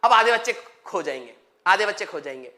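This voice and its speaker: A man's voice: high voice, lively intonation, brisk, sharp tone. A young man from Haryana teaching physics in an online exam-prep lecture, chatty and joking with students, drawing out definitions word by word. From Haryana, India.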